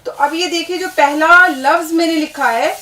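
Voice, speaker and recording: High-voiced woman teaching, roomy sound. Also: sharp tone, recorded from a distance. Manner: patient, repeats words and asks "right?" to check. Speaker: Urdu teacher. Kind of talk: classroom lesson on letters and words.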